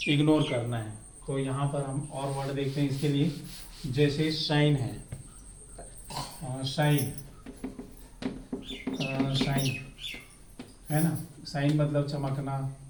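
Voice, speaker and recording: A man's voice: mid-range voice, darkish tone. A man teaching an English pronunciation lesson. He asks himself questions and answers them, and keeps checking in with "है ना". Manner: slow and repetitive, asks a question then answers it, keeps adding "है ना". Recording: echoey room with faint background noise.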